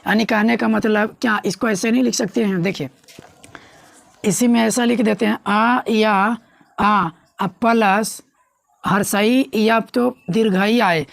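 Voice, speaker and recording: A woman's voice: on the high side, moderate pace, creaky, dry recording. Coaxing woman teaching a class. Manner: repeats questions to students, coaxing. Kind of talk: grammar lesson.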